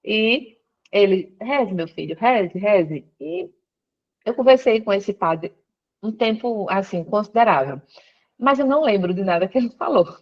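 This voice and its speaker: A woman speaks from her workplace over a call line that sounds a little dull and lo-fi. She tells her story at an everyday pitch, switching into other people's voices as she quotes them. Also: a little slow. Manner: storytelling, quoting others with lively voice shifts. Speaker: guest. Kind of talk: conversion testimony interview.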